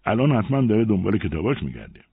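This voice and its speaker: A man's voice: lowish voice, very animated, gravelly, slightly rough, no echo, exaggerated voice. A man voicing a cheerful, loyal schoolboy friend in a story reading. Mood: pleased. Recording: dry, phone-like narrow sound.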